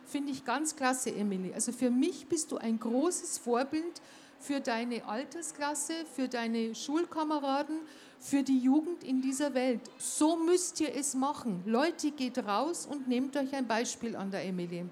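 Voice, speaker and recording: Female host, higher voice, urging and addressing the audience directly, faint noise behind. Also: unhurried, darkish tone. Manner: emphatic, appealing directly to listeners. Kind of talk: enthusiastic spoken address.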